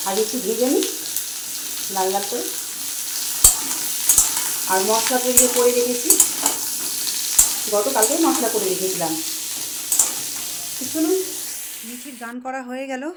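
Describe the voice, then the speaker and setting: Chatty woman vlogging in an echoey kitchen. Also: medium pitch. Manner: chatty, running commentary while cooking. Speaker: vlogger, mother cooking at home. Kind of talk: casual home cooking vlog. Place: home kitchen, indoors. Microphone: phone camera. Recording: echoey kitchen with faint frying noise.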